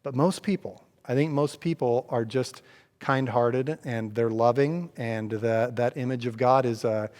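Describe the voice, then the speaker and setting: Animated man telling stories in a reverberant hall. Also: medium pitch, unhurried. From Oregon, USA. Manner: animated storyteller, acts out other people's lines. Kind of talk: casual church conversation.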